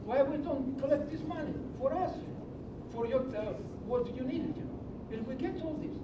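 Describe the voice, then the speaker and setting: A middle-aged man from Greece, speaking at a moderate pace, gives a passionate, preachy public comment in broken English at a county meeting, captured in a muffled recording. The large meeting hall makes him sound far off and echoey, with a low rumble.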